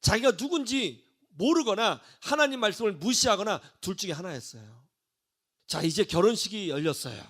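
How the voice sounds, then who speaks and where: A man's voice: sits high, very animated, normal speed, a bit bright. A male preacher telling a Bible story as a sermon, acting out the characters' lines and speaking straight to his listeners. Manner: acts out biblical characters' lines in varied voices, addresses listeners directly. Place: broadcast studio.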